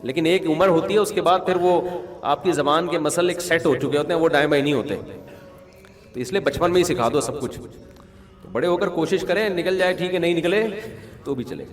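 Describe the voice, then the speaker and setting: A man, a mufti answering questions in a conversational religious talk, mixing rulings with humorous anecdotes and checking that listeners follow. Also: on the high side. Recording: long hall reverb.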